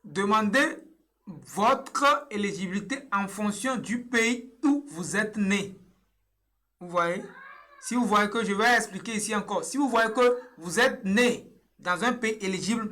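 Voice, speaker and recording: A young man from Togo with a bright, high-pitched voice guides viewers through filling in a form on screen. He explains each step patiently and repeats himself, pausing often with small hesitations. He is recorded on a webcam in a small indoor room. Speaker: online tutorial presenter. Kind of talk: screen-share tutorial walkthrough.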